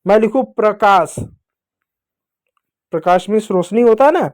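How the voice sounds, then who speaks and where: Male teacher with a high voice and an Indian Hindi accent, patient classroom lesson for kids, asks and answers his own questions. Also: a little slow, darkish tone.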